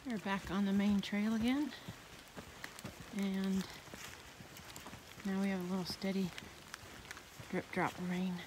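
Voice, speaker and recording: A woman's voice: medium pitch, takes it slowly, long pauses. Woman narrating a rainy forest hike. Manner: plain, matter-of-fact trail commentary. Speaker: hiking vlogger. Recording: outdoor recording with steady rain noise. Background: rain.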